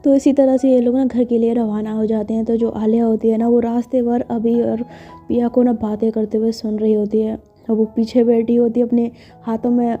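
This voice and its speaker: A woman narrating a story casually and chattily, with frequent fillers. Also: on the high side. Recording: muffled lo-fi with faint music.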